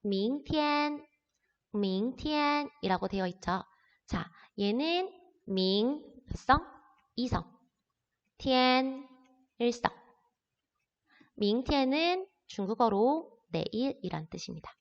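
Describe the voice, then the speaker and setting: A woman's voice: fairly high pitch, sing-song, a little slow. A woman teaching an introductory language lesson, explaining words patiently step by step. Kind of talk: recorded classroom lesson. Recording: dull lo-fi audio with long reverb.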